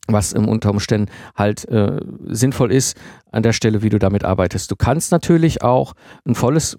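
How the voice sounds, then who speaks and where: A man's voice: mid-range voice, a little mellow, no room sound, clean studio sound. A man hosting a podcast, giving casual spoken advice to listeners, thinking aloud with many fillers and restarts. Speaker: podcast host answering listener questions.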